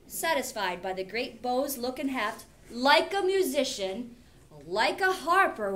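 A middle-aged woman teacher with a high-pitched, fairly bright voice reads aloud theatrically in a classroom, adding informal explanatory asides. A camera a few metres away captures her along with background noise.

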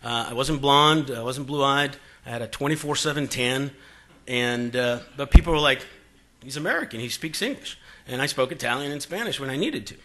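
At a conference podium, a Boston man in his forties tells stories conversationally, full of fillers and acted-out quoted exchanges. His mid-range voice moves at a normal speed with a fairly bright tone, picked up by the podium microphone in a conference room.

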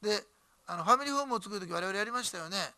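A man preaching a sermon in church as pastor, animated and emphatic, with jokes and asides. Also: sits high, racing, no echo.

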